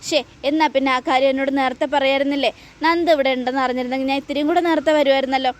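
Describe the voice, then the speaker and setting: Brief: woman voicing a firm, stubborn young man in a serial recap, high voice. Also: fairly even intonation, very fast, natural voice. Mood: insistent. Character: stubborn young man loyal to his friend.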